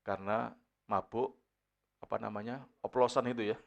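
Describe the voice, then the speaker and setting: A male pastor preaching a sermon to his congregation. He calls out to them and poses rhetorical questions, moving from quiet anecdotes to loud, high-pitched exhortation. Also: steady tone, moderate pace, vocal fry, lo-fi sound. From Indonesia. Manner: addresses the congregation as "saudara", asks rhetorical questions. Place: church service.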